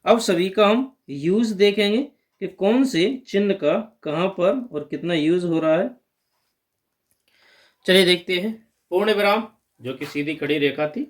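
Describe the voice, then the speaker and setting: A man's voice: high voice, unhurried. A man teaching a grammar lesson for exam prep, explaining step by step and stressing key terms.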